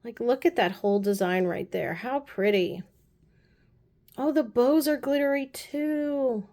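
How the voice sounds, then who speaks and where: A woman casually chatting through a nail art haul, gushing and often dropping her voice to soft low asides. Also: measured pace. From United States. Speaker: beauty vlogger. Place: apartment room.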